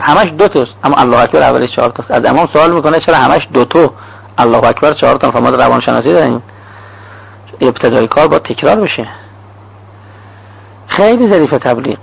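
Male cleric lecturer with a raspy voice and a dull lo-fi sound, lists examples in clipped phrases. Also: medium pitch. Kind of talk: sermon-style lecture. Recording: dull lo-fi recording.

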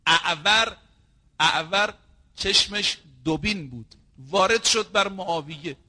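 A male preacher with a high, bright voice delivers a sermon as storytelling, acting out quoted dialogue. He speaks directly to listeners as brothers and sisters.

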